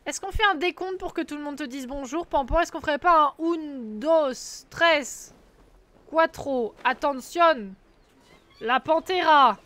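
Chatting casually with her live audience, this female Twitch streamer teases, jokes, and hums or sings syllables between remarks. She has a high-pitched, sharp-toned voice at a measured pace, with no echo.

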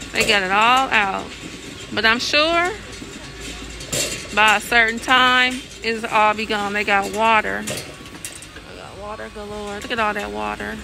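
Her voice is a little high with vocal fry as she walks a big warehouse store, having started out in a car, filming herself on a phone at arm's length. The Californian keeps up a chatty shopping commentary, repeating each item she spots. Loud store background noise fills the phone audio.

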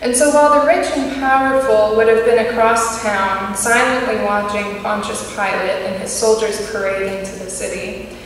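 A woman's voice: mid-range voice, a little hiss or hum. Young woman preaching in an echoey church. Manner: measured, read from notes at a pulpit. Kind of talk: sermon. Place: church sanctuary. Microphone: pulpit mic at a distance. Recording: echoey church hall, distant mic.

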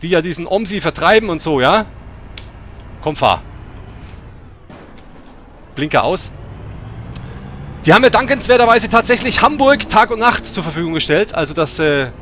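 A man's voice: high-pitched, animated, moderate pace, long pauses, a bit bright. Middle-aged guy playing a bus sim and ranting, voice jumps all over, faint engine hum behind. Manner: swears and rants in angry outbursts. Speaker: let's play host. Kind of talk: bus simulator let's play commentary.

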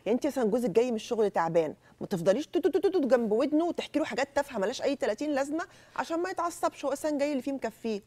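A woman's voice: high voice, animated, racing, darkish tone. A woman with an Egyptian accent, arguing her point emphatically on a TV panel. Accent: Egyptian Arabic. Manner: argumentative, emphatic. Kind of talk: TV panel debate.

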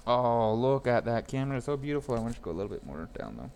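A man's voice: mid-range voice, very animated, fast talker, a little mellow, a little hiss or hum. A young man chatting casually with viewers on a live stream while repairing a phone at his workbench, rambling and laughing as he goes.

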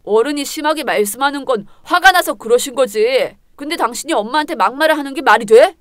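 A woman's voice: animated, fairly quick, fairly bright tone, no room sound, studio quality. A woman doing a contemptuous, selfish husband. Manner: lower put-on voice, blunt and dismissive. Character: selfish, mama's-boy young husband, contemptuous. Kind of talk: dramatized story reading.

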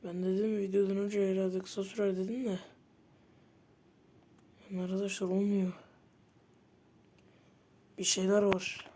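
A woman giving casual gameplay commentary who gets easily frustrated and bursts into loud protests. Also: mid-range voice, slight background noise. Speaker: gamer.

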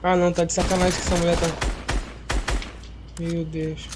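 A young man from talks slang-heavy with a teammate over a game. He is excitable and now and then bursts out loud. The stream audio carries a clear layer of noise. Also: on the high side, normal speed. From Amapá, northern Brazil. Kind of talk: casual gaming chat with a teammate.

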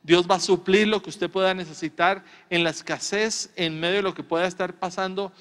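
A man's voice: high voice, fairly even intonation, brisk, fairly bright tone, clear, resonant tone, long reverb tail. A man preaching a sermon as a pastor, from Colombia, stressing points by repeating his lines. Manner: emphatic preaching with repeated refrains. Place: church.

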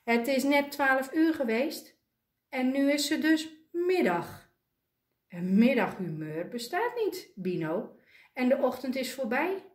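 A woman voicing a kind male penguin friend who reasons calmly and gently. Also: high-pitched, slow pace, roomy sound, full character voice. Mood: caring.

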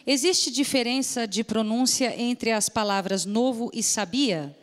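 A woman's voice: on the high side, unhurried, big-room sound. A woman from Brazil co-hosting a TV English lesson, reading questions and sign-offs in an upbeat presenter voice. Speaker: TV lesson co-host. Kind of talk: scripted TV presenting.

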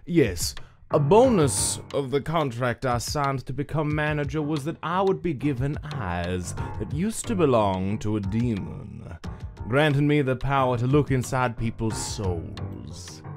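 A suave cartoon casino manager with a dice for a head, performed by a man. His delivery is lively and showy, smooth as he tells his tales, with music underneath. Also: medium pitch, a little slow. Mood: sly, confiding. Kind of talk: animated comic dub.

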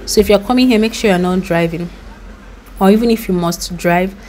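A woman's voice: medium pitch, fairly quick, darkish tone, a little hiss or hum. A young Nigerian woman narrating her road trip in a chatty, recommending voice-over with loose asides. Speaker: vlogger. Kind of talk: travel vlog voice-over.

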